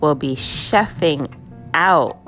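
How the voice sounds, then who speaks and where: A woman hosting a casual motivational talk, conversational and lively, often checking in with "right?". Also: sits low, very slow, faint music behind. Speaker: host.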